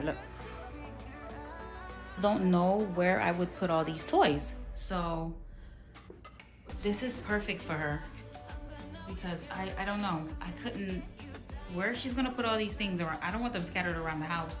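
In an echoey room, a woman with a medium-pitched voice gives a casual clean-with-me narration as a home vlogger. She holds her phone camera while touring the kitchen and playroom of her large, bright home, showing her purchases and rambling, often correcting herself.

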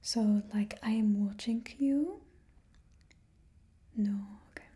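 Whispering up close in a put-on Russian accent, a young woman plays a cheerfully ruthless stylist to supervillains in an ASMR roleplay, skipping small words. She goes slowly in a husky, dark-toned, high-side full character voice. The setting is a small indoor studio with a backdrop, the close mic near her face by the camera.

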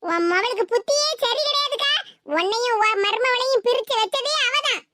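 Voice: very high-pitched, normal speed, pushed and bright, slight background noise. A performer voicing an angry middle-aged neighbour woman who scolds and threatens in a Tirunelveli Tamil accent in a cartoon. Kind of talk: cartoon voice acting.

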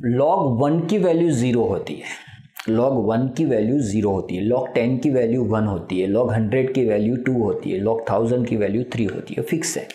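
Male math tutor, mid-pitched, explains each step patiently, echoey room sound. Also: mellow. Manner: explains step by step, keeps checking in. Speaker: math teacher. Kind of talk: classroom math lesson. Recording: roomy echo.

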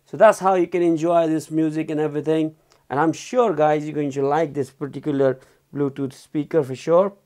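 Seated at a desk in a small room, a male reviewer gives an unscripted, casual product demo, often repeating and rephrasing himself. His voice is on the high side and dark in tone, steady, at a moderate pace.

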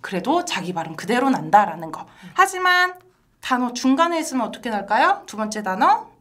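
A woman hosts a language lesson with a voice that swings widely in pitch, sitting a bit higher than most. She laughs often and keeps throwing questions to her co-teacher and the viewers. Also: a little fast. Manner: bright and animated, laughs often, asks questions to engage viewers. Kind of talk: lively two-person language lesson.

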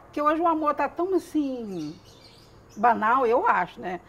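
A woman from Brazil tells workplace anecdotes in a relaxed TV chat. Her voice sits high and swings widely in pitch, and she often breaks into laughter as she talks. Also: a little slow, vocal fry, slight background noise. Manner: animated storyteller, laughs often. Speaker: police station worker. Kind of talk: casual TV chat, telling anecdotes.

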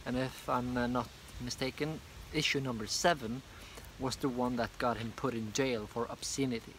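Sitting outdoors on a park bench next to a hedge, this young comic maker from Norway talks casually through a video review, using plenty of fillers. His medium-pitched voice is fairly bright and fairly even at a normal pace, but the arm's-length phone recording is poor, with a little hiss or hum.

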